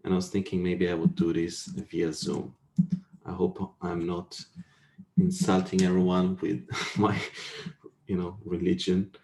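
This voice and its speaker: A man's voice: deep voice, completely flat delivery, unhurried, dark tone. A man giving an explanatory technical lecture over an echoey video call. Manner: explanatory, checks understanding with questions. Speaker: university lecturer. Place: indoors, online video call.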